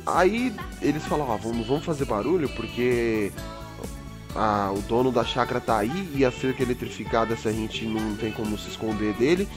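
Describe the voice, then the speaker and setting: A man's voice: medium pitch, a little fast, over music. A young man casually telling a story to friends over voice chat, acting out his own panic. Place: home, online voice chat.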